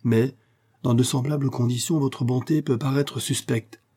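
Brief: male narrator playing a haughty young rich woman, scornful and commanding, raised voice over a mellow timbre. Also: mid-range voice, fairly even intonation, moderate pace, voice pushed up, close to an everyday voice. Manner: imperious, scornful. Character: haughty young woman, proud spoiled heiress. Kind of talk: audiobook character reading.

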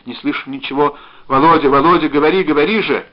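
A man's voice: high voice, sing-song, drawn-out words, voice pushed up, exaggerated voice. A man reading aloud and voicing a frightened, tearful woman who cries out and pleads over a bad phone line. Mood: pleading. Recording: dull lo-fi recording.

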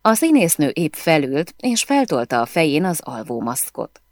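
A woman narrating a first-person audiobook with expressive storytelling. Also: low voice, dry recording, clean studio sound.

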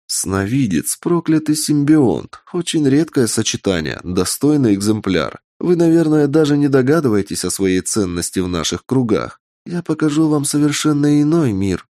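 A man voicing a young witch girl in a raised, lively voice, curious and quick to take fright. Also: medium pitch, no room sound, clean studio sound, pitched above the performer's own voice, lightly acted. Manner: curious, then easily frightened.

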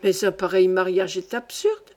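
A woman's voice: fairly low pitch, moderate pace, a little mellow, voice pushed down, natural voice. A woman reading Léon, young bourgeois man. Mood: objecting. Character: young man, wealthy bourgeois son, protesting.

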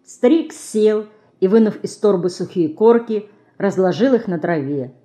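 This is scripted audiobook narration by a woman whose pitch is medium. She tells the story in a steady, measured way.

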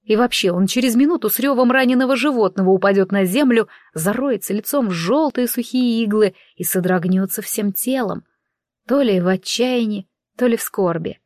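A woman narrating a first-person audiobook in an expressive, conversational way. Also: a little high, normal speed, no echo, studio quality.

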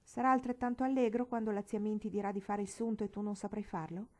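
A woman's voice: mid-range voice, expressive, normal speed, warm tone. A woman voicing an earnest, anxious young girl in a storybook, speaking in a pleading, somewhat dramatic way. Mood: sarcastic.

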